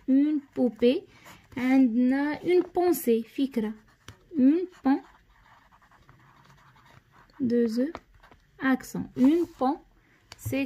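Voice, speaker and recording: Woman, Moroccan accent, teacher, fairly high voice, mellow tone, patient step-by-step explaining. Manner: patient, step-by-step explaining, repeating key terms; reads instructions slowly and deliberately. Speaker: schoolteacher. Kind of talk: tutorial lesson.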